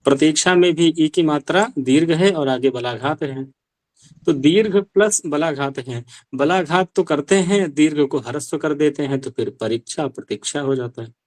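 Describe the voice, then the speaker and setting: A man's voice: fairly high pitch, normal speed, a little mellow, no echo. Man teaching, fond of rhetorical questions. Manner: explains step by step with rhetorical questions. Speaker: Sanskrit teacher. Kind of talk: online language class.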